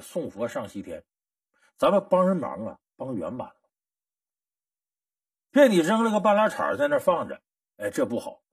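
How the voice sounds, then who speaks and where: Brief: husky, animated male storyteller, folksy lecture, slightly high voice, dry distant recording. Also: dry recording. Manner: folksy, animated, rhetorical questions. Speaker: storyteller teacher.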